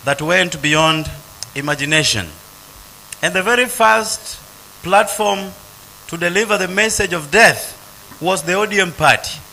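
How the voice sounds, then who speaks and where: A middle-aged Kenyan man speaks at a funeral, his voice bright and a little high for a man. He talks slowly and gravely, in short measured phrases. A faint hiss of noise sits under the speech. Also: low-quality recording. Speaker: son giving a eulogy, politician.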